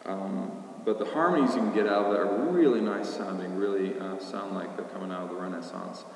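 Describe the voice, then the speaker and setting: A man's voice: brisk, creaky, darkish tone. A man casually teaching flute, his voice ringing with a cave-like echo in an indoor racquetball court, picked up by a computer mic from a distance. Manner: easygoing, explanatory. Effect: booming cave-like echo. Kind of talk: casual instrument tutorial. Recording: echoey court reverb from far off.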